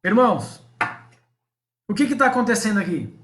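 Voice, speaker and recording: A man's voice: high voice, very animated, moderate pace, fairly bright tone, slight background noise. A man preaching a live-streamed sermon, speaking directly to his viewers and his congregation. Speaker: pastor.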